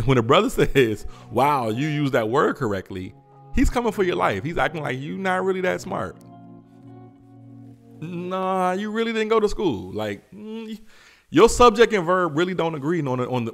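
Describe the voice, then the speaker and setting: Male podcast host, lively swinging pitch, teasing and laughing, faint music behind. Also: moderate pace, gravelly. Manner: animated, laughing often, teasing rhetorical questions. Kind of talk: casual commentary.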